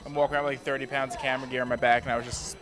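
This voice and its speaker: A man's voice: mid-range voice, little pitch movement, racing. Laid-back male co-host, offhand casual chat, recorded outdoors with crowd chatter behind. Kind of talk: casual convention recap chat.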